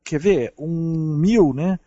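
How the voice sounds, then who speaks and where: A chatty Brazilian man with a Brazilian Portuguese accent tells travel stories as a traveling podcast guest in a casual call. His voice is on the high side with drawn-out words, animated in delivery, and the recording is muffled but has no echo.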